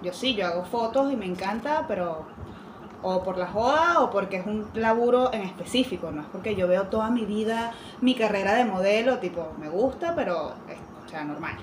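A woman's voice: mid-range voice, lively intonation, normal speed, echoey room, background noise. A young woman with an Argentine-influenced accent, chatting as a podcast guest, full of fillers. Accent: Argentine-influenced Spanish. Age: young adult. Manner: chatty, fillers like "o sea" and "tipo". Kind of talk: casual chat.

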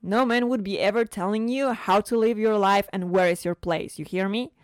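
A woman voicing a fierce, blunt mother who scolds in sharp outbursts. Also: mid-range voice, moderate pace, dry recording, lightly acted. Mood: protective. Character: fierce protective mother, foul-mouthed and blunt.

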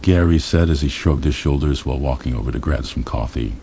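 A man reading a crude comedy story aloud in a deadpan, matter-of-fact way. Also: extremely low pitch, fairly quick, gravelly, slight background noise. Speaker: audiobook narrator.

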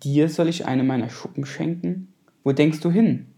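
A man's voice: a little high, normal speed, mellow, lightly acted. A man voicing a vain, proud male fish in a storybook reading, speaking in a haughty, dismissive way.

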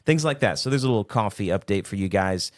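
Man, very low voice, relaxed rambling chat, dry close mic. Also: quick pace, no room sound. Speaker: podcast host. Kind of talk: casual chat.

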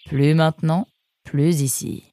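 A calm young fox girl who answers everything in a dry, matter-of-fact tone, as a woman voices her. Her voice sits low and mellow. She belongs to a gentle children's storybook. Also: slow pace.

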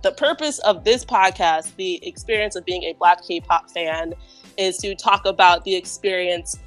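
A woman's voice: lowish voice, moderate pace, fairly bright tone, faint music behind. A woman hosting a casual podcast, upbeat and chatty, who laughs easily as she talks. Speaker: podcast host.

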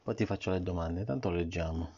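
Middle-aged dad reading a bedtime story to his kid, gravelly husky voice, patient gentle questions. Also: deep voice, fairly quick. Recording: dull lo-fi recording.

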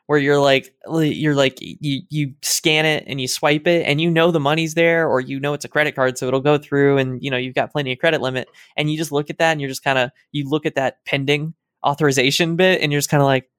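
A man's voice: on the high side, steady tone, brisk, few pauses, fairly bright tone, clean tone, no room sound, clean studio sound. A man co-hosting a casual podcast, talking in wry, self-deprecating, rambling asides. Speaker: podcast co-host. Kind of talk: casual chat.

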